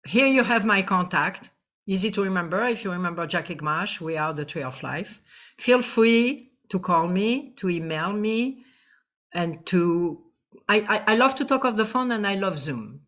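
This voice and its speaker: Stammering woman on a video call. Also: fairly low pitch. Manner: warm, hesitant, stammering. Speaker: speaker. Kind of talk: closing remarks on a video call.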